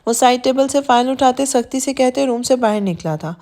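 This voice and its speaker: A woman narrating a romance novel as an audiobook, reading softly and evenly. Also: sits high, lively intonation.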